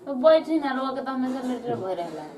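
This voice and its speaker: A woman's voice: sits high, expressive, normal speed, roomy sound, distant mic, a crowd in the background. A woman with a Bhojpuri accent, playing a wife in a village comedy sketch, talks in a sulky, complaining way.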